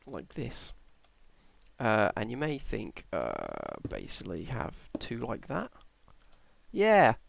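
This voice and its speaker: A young Englishman talks through his game in a casual, tired ramble, full of restarts and trailing thoughts. His voice is gravelly with fry. The sound is close and dry, with no room echo. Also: lowish voice, wildly swooping pitch, slow, pauses often. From England. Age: young adult. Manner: rambling, hesitant, self-correcting. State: tired, yawning. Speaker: Minecraft YouTuber. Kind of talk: casual gameplay commentary.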